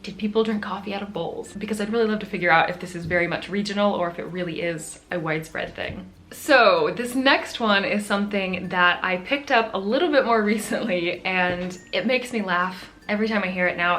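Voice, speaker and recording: A woman's voice: on the low side, a bit bright, a little hiss or hum. An American woman vlogger chatting to camera, laughing often and poking fun at herself. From United States. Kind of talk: casual chat to camera.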